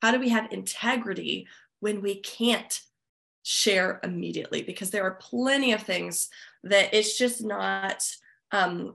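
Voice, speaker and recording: A woman who is an author and church musician, giving thoughtful podcast interview answers that pause often with fillers and restarts. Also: medium pitch, gravelly, fairly bright tone.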